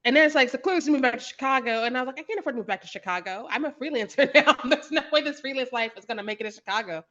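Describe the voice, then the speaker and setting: Woman guest, higher bright voice, laughs a lot, lo-fi remote sound. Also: rapid-fire. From Kansas City, Missouri, US. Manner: laughs often, animated storytelling. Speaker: podcast guest, playwright. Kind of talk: casual podcast chat.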